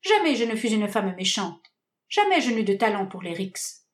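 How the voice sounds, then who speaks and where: A woman's voice: mid-range voice, big pitch swings, normal speed, lightly acted. A woman voicing a timid, prim, lovesick young woman in a read-aloud stage comedy, plaintive, earnest and theatrical. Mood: pleading.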